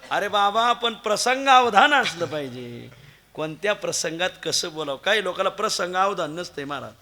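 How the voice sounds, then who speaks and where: High, gravelly-voiced male kirtan preacher. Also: moderate pace. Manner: animated storytelling, swinging between loud exclamations and hushed asides. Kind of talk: devotional kirtan sermon with storytelling.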